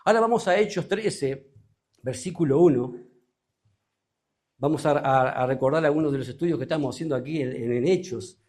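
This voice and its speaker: Man, Uruguayan accent, pastor's sermon, fairly high voice, reads verses aloud, asks the congregation questions. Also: darkish tone. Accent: Uruguayan Spanish. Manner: preaching with rhetorical questions, addressing the congregation; reads scripture aloud slowly.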